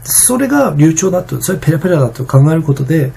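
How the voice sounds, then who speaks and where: Fast, gravelly, husky-voiced man. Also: fairly high pitch, very animated, warm tone. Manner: rambling, many fillers and restarts. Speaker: vlogger. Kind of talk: casual vlog monologue.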